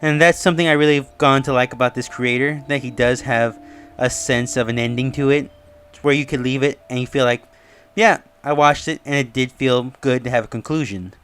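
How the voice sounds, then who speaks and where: This review host has a medium, fairly bright voice and speaks fairly quickly with fairly even intonation, over slight background noise. His online commentary wanders conversationally through opinions and theories, full of asides.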